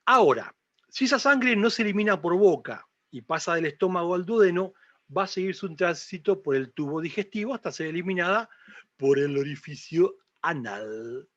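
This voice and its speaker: Argentine male lecturer, slightly high-pitched, playful asides and rhetorical questions, muffled recording. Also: a bit bright, no room sound. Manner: joking asides, rhetorical questions, repeats key terms. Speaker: surgery lecturer.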